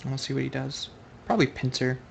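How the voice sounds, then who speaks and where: A man with a gravelly, fry-laced voice talks casually through his own board game at a mid pitch. He thinks out loud and often stops to correct himself. A faint hiss of noise sits under the home recording. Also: fairly even intonation, brisk. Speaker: Go player commenting on his own online game. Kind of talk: casual live game commentary.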